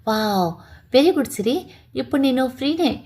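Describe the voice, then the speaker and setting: A woman voicing a kindly, fatherly middle-aged male film director who jokes gently in a read-aloud story. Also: sits high, animated, normal speed. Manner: warm, joking, fatherly.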